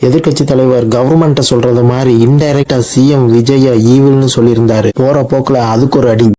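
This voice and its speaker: A man narrating a comedy recap of political clips in a brisk, teasing voice-over. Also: mid-range voice, steady tone, dark tone. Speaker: narrator of a troll review channel. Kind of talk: casual voice-over commentary.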